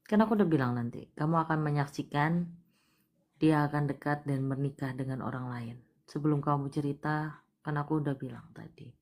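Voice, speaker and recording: A woman with a low voice hosts a live palm-reading session and talks straight to a caller. She coaxes and pushes, and her voice often sinks to a near whisper. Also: fairly quick. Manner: coaxing, repeatedly urging the caller to cry; drops to soft, hushed delivery.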